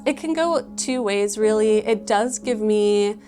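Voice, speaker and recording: This woman gives a casual tarot reading, her medium-pitched voice warm and unhurried. She explains conversationally, full of filler words and hedges like "like" and "you know," over background music.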